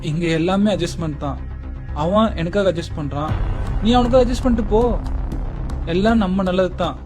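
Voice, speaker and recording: A man's voice: high voice, fairly quick, over music, close to an everyday voice. A man playing a cynical, dismissive senior boss. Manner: lecturing, dismissive.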